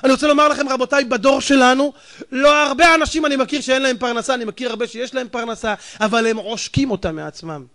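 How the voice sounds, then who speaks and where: A rabbi preaches to his congregation in a mocking, forceful manner, peppering his talk with rhetorical questions. His volume swings from booming outbursts down to quiet, muttered asides.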